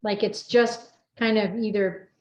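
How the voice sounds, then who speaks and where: A middle-aged American woman, a host and book co-author, chats casually about personal matters, rambling talkatively through stories with quoted asides. Her mid-range voice is a little slow and a little mellow, with fairly even intonation. The room is echoey and the audio slightly dull.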